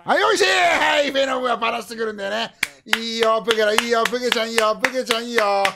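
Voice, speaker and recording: A man in his thirties crying out loudly in excitement as he commentates a video game match on a livestream. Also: very fast, very noisy. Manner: loud, high-pitched excited crying out. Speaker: livestream commentator cheering on players. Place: indoor room, streamer's desk.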